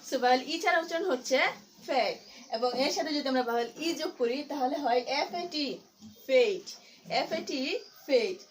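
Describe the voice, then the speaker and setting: High-voiced woman teaching English pronunciation. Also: lively intonation, a little hiss or hum, low-quality recording. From Bangladesh. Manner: slow, deliberate spelling and repetition. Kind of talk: spoken English lesson, spelling out letters and repeating words.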